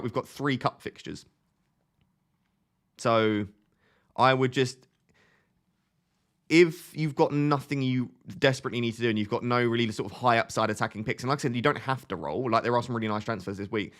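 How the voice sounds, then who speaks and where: A young man in his twenties, with a mid-range and slightly bright voice, hosts a live stream. He chats casually and thinks aloud while answering viewer questions, often restarting his phrases.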